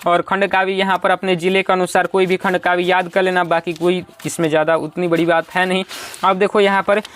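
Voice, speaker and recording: A young man teaching an exam preparation lesson. He explains each step, keeps checking that students follow, and slows down to read verses aloud. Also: high-pitched, little pitch movement, fairly bright tone, smooth.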